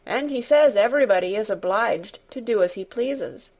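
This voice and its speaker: Woman playing a frank, higher-voiced little girl. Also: animated, normal speed, darkish tone. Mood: firm. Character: determined, frank, curious young girl.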